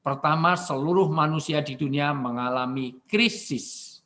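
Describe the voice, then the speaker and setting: A man from Indonesia preaches in a lively, joking manner, speaking directly to his audience from home. His voice sits a little high for a man. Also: unhurried. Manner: animated, joking, addresses listeners as Bapak Ibu. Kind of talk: humorous virtual sermon.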